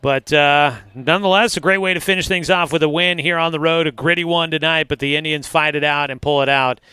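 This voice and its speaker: A man announcing high school football on the radio, recapping the game from the press box with frequent fillers. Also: steady tone, a little fast, sharp tone, smooth, dry recording. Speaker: play-by-play announcer. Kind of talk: radio sports commentary.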